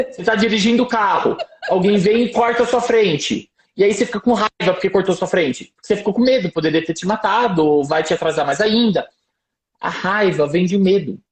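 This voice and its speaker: A Brazilian man, a doctor, giving parenting advice on a live stream in a lively, explaining way with anecdotes. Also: high voice, roomy sound. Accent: Brazilian Portuguese. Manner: lively explaining, tells anecdotes, asks "percebe?".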